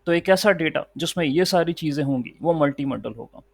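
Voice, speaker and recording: A man's voice: a little high, animated, a little fast, creaky, no echo. A man teaching a recorded coding tutorial, explaining step by step and checking in often with a short "okay" or "right". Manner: explains step by step, mixing Hindi and English. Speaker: instructor.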